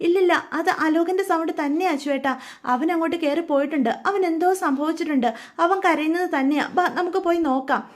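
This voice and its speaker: A frightened middle-aged mother who insists her son is in trouble, played by a woman storyteller in a raised, higher voice. She pleads and presses on urgently. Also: fast. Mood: anxious.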